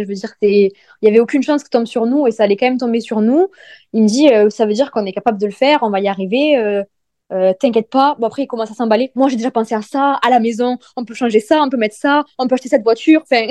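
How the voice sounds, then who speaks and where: A woman in her thirties tells her own story in relaxed podcast chat, full of fillers and animated retelling. Her voice sits a little high yet sounds mellow and warm. The sound is dry and close. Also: no room sound. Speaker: guest telling her birth story.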